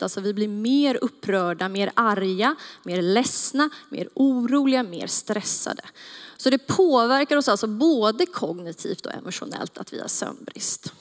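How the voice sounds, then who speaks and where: A woman in her thirties speaks into a headset mic from a large theater stage, laying out points one after another in a clear, measured way. Her voice sits a little above the usual woman's pitch. The hall adds a long reverb to everything she says. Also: a bit bright. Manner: clear, measured listing with pauses. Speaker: child psychologist lecturer. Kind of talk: public lecture on stage.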